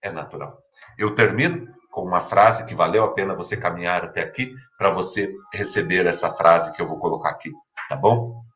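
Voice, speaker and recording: This is a Brazilian man delivering a sermon, his low voice carrying a bright, forceful edge. He repeats key phrases for emphasis and lifts his pitch when quoting scripture. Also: a little fast. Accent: Brazilian Portuguese. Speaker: pastor.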